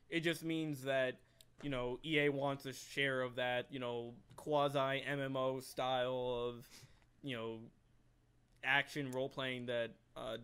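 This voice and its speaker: A man's voice: mid-range voice, fairly bright tone, smooth. A man hosting a casual gaming podcast chat, joking and laughing often. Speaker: podcast host.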